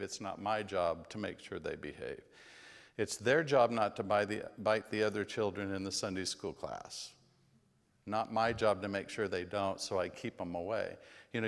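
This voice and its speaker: Low-voiced male parenting class leader, folksy and down to earth, recorded in a reverberant church hall. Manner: folksy, acts out yelling parents.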